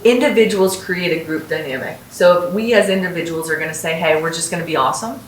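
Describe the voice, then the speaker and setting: A woman who founded a company hosts a casual podcast, giving students upbeat, encouraging advice in a fairly low, fast voice. She's recording in an echoey room of a house in North Las Vegas, and the distant mic picks up roomy echo and faint hiss.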